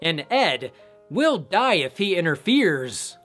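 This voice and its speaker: Reviewer, man, sarcastic recap narration, lively pitch, faint music. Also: slow pace. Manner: sarcastic, joking asides. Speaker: movie reviewer. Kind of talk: comedic film recap narration.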